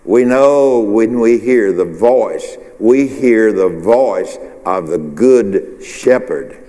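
Pastor, male, low voice, loose conversational preaching with call-and-response, reverberant sanctuary. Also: animated, slow, warm tone. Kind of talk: informal midweek sermon. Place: church sanctuary. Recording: long hall reverb.

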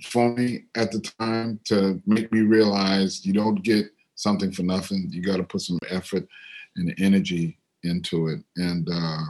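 Middle-aged man, low-pitched, relaxed storyteller on a video call, livens up when quoting people. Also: moderate pace. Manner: animated when quoting others, otherwise easygoing with fillers. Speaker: interviewed musician and composer. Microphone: computer on a video call.

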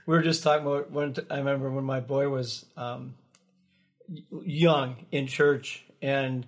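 A man's voice: medium pitch, steady tone, moderate pace. A man co-hosting a podcast, telling a casual anecdote in a chatty way. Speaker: podcast co-host.

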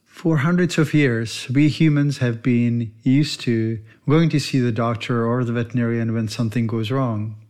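A man speaks his own podcast as a solo monologue. He is a veterinarian, and his delivery is earnest and reflective, with a voice at a middle pitch for a man. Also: fairly even intonation, normal speed, few pauses, darkish tone. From Czech Republic.

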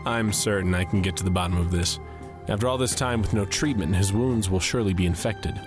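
Casting: proud, irreligious male physician actor, lower register, brisk and authoritative, dramatized story over clear music. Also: natural voice. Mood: skeptical, dismissive. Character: skeptical, proud male doctor, irreligious, increasingly baffled. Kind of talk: dramatized audio story acting. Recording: loud music under the voice.

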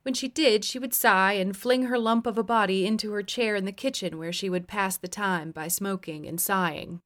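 A woman's voice: mid-range voice, fairly even intonation, moderate pace, a bit bright. Woman narrator, memoir audiobook, wry, blunt storytelling, mid-range voice.

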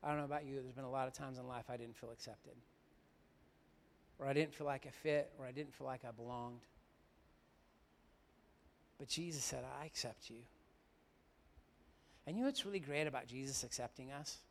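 A middle-aged pastor preaching a sermon. He moves between loud, emphatic declarations and quiet, confiding storytelling. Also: medium pitch, normal speed, long pauses.

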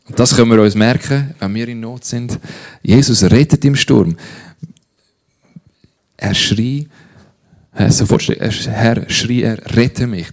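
A man's voice: medium pitch, a little mellow. A man with a Swiss German accent preaching a sermon in a direct, conversational way, often turning to the listeners with rhetorical questions. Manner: conversational, direct, with frequent rhetorical "hey" and "oder?".

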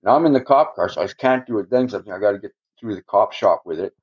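In casual podcast talk, a man with a fairly low, slightly rough voice tells a long personal story at a quick pace. He swears constantly and chuckles often as he rambles, all captured on a dull lo-fi recording.

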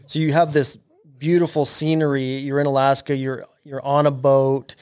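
A man co-hosts a casual podcast in a flat, level voice. The sound is dry and close, and he chimes in often with short agreement. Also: mid-range voice, normal speed, clear, resonant tone, dry recording. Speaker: podcast co-host.

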